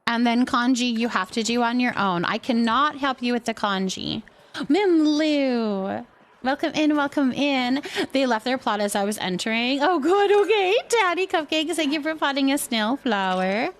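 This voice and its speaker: A woman with a high, expressive voice livestreams a cooking game at normal speed, chatting casually with her viewers in a giggly, talkative way.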